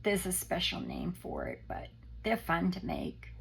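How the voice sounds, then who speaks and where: A hoarse, unwell woman with a croaky voice that breaks into a papery whisper, gently talking through a craft demonstration in a halting, casual way, as if thinking aloud. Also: on the low side, wildly swooping pitch. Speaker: craft tutorial host.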